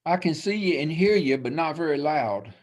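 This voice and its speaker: A woman's voice: low-pitched, lively intonation, normal speed, a little mellow. A woman chatting casually as a remote participant in an online meeting. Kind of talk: casual chat.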